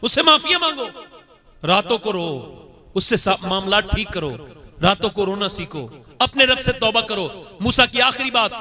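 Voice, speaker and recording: A male preacher giving a dramatic storytelling sermon, moving between shouts and hushed pleas. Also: high voice, animated, moderate pace.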